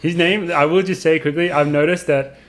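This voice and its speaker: A man's voice: a little high, steady tone, fairly quick. A man hosting a podcast, upbeat and joking as he chats. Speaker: podcast host. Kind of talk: casual chat.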